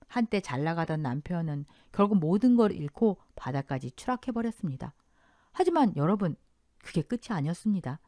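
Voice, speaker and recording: Woman narrator for a dramatic radio story; low-set, lively voice, dry sound. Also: no room sound. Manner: dramatic, confiding.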